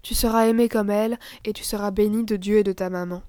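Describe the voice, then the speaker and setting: A woman's voice: mid-range voice, steady tone, fast, no echo, close to an everyday voice. A woman voicing a gracious, tender aristocratic mother who speaks with dignity. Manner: gentle, dignified.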